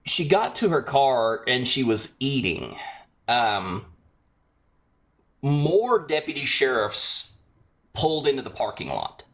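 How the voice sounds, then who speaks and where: A man calling in to a live stream, telling a friend's story in a measured, hesitant way with many pauses. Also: mid-range voice, a bit bright. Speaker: caller. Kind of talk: telling a personal account.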